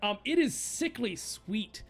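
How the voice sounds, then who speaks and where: High-voiced man running a tabletop game. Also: big pitch swings. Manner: halting, full of fillers and restarts. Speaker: game master.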